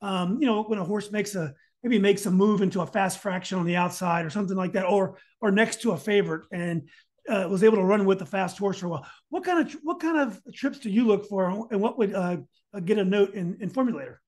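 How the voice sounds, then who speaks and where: A man's voice: high voice, a little fast, darkish tone. A man hosting a casual podcast interview, hesitant and often searching for his words.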